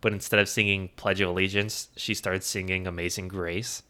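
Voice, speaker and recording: A man's voice: sits low, flat delivery, moderate pace, heavy background noise. A man co-hosting a casual chat, laughing often and tossing out lines in put-on voices. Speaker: podcast co-host.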